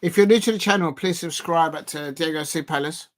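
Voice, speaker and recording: A Colombian host of a live football watch-along talks briskly in a fairly high pitch. His casual chatter over the game is scattered with fillers, restarts, and sudden excited outbursts.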